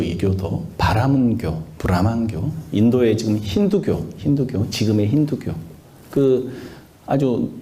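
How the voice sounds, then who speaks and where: A man's voice: fairly low pitch, slight background noise. A man preaching a Buddhist sermon, who keeps asking the listeners questions and answering them himself. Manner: asks the listeners questions and answers them, with lively rises and falls. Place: temple dharma hall.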